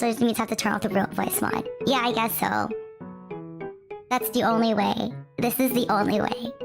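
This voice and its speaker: A woman livestreamer chatting casually with her viewers, her voice run through a voice changer filter because illness has taken her own voice. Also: fairly high pitch. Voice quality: gravelly. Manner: chatty and scattered, with frequent restarts and self-deprecating asides. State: lost voice from illness, speaking through voice mod. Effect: voice changer filter altering her voice. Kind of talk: casual chat with stream viewers.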